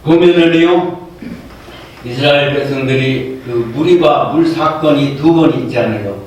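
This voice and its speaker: Preacher in a booming echoey hall. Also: male voice, measured pace, darkish tone. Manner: conversational, with many hesitations and fillers. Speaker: pastor. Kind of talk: storytelling sermon. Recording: echoey hall heard from far off, faint background noise.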